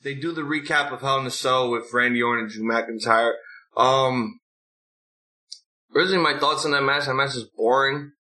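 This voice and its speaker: Bright, forceful man ranting casually. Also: medium pitch, normal speed. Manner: blunt, profane. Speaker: host of a wrestling recap show. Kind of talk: casual opinionated rant.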